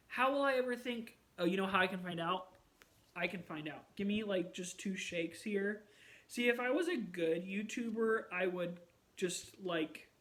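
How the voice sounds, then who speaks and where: A man vlogging in a casual chat, telling rambling, gushing stories about concerts with animated bursts of excitement. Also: sits high.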